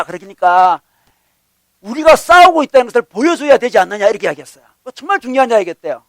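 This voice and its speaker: A man preaches with a strikingly high voice and a quick, pressing pace. He swings between calm teaching and loud, acted-out prayers and replies. The sound is dry and close. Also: dry recording. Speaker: pastor. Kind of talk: sermon. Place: church.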